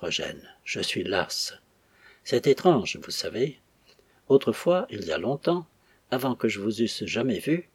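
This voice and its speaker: A man reading the lines of a secretive, wistful young woman in an audiobook, with a husky voice. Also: on the low side, no echo.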